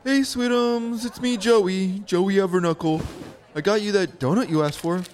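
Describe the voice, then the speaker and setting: A man's voice: high-pitched, normal speed, darkish tone, a little hiss or hum, close to an everyday voice. A man playing a weird, self-important, doting boyfriend with a syrupy manner in a comedy audio drama. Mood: cloying. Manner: syrupy, eager to please.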